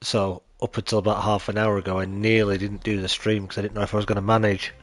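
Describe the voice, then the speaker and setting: A British man live-streams a game, chatting away and greeting viewers in a fairly low, level voice at a fast pace. Allergies leave him nasal and chesty. The recording has no room sound.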